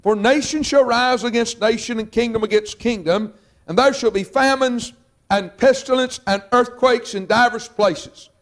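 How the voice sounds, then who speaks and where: A man preaching a revival sermon, fervent and drawn out, sometimes shouting. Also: extremely high pitch. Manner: fervent, shouting at peaks, drawn-out emphatic phrases. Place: church sanctuary.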